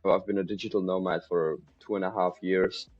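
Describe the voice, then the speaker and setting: A Czech mindset coach in his 20s chats easily as a guest in a casual podcast interview, laughing readily. His husky voice sits low with little pitch movement and a slightly fast pace. The lo-fi sound is slightly dull.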